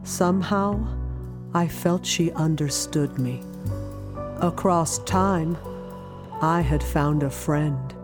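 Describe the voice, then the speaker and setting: Music plays behind a low-pitched actress as she voices a lonely, reflective woman recounting childhood memories. The audio drama narration is scripted, first-person, and delivered in a wistful, deliberate way.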